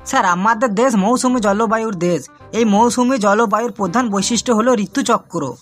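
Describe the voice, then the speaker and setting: A performer with a natural, medium-pitched voice at a moderate pace plays a cocky, mischievous schoolboy in a comic cartoon, using a Bengali accent. The delivery is boastful and recitational, confidently reciting over soft background music.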